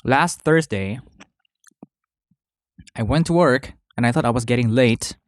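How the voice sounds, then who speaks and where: A man's voice: medium pitch, measured pace, no echo, clean studio sound. A man hosting a podcast, chatting casually while eating, rambling and correcting himself between bites. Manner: rambling, chewing between phrases, self-correcting. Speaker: podcast host.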